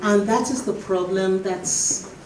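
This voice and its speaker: A woman author on a panel, answering an audience question in a reflective, emphatic way, slowing down to stress her points. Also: mid-range voice. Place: event hall. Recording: echoey hall, distant mic, faint noise.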